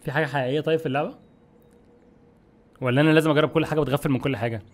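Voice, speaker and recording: A young man with an Egyptian Arabic accent, giving excitable, exasperated gameplay commentary to his viewers. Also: fairly high pitch, very fast, soft background music. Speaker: gaming YouTuber.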